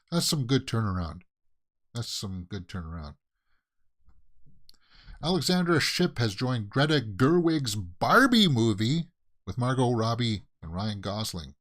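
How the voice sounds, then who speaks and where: A Canadian man hosts a casual movie news show alone, rambling through the headlines with lots of fillers and restarts. His voice is medium-pitched and slightly bright.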